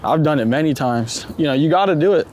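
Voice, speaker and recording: Out walking on a city street, a street photographer being profiled chats casually with a slightly high voice, excitable, slangy and quick to gush. Passing traffic and urban ambience fill the background.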